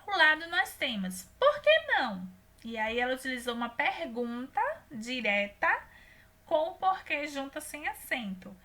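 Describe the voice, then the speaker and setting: A woman's voice: high voice, animated, unhurried, pushed and bright. A woman teaching a grammar lesson patiently, often checking in with "né?". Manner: patient, tag questions "né?" and "tá?" often. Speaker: Portuguese teacher.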